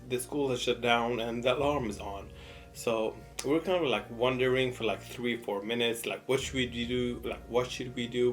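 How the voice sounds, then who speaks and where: A young man with a medium-pitched voice tells a personal story in a casual, conversational way. He repeats words for emphasis and animatedly replays quoted exchanges. Music plays behind his voice. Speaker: mukbang storyteller.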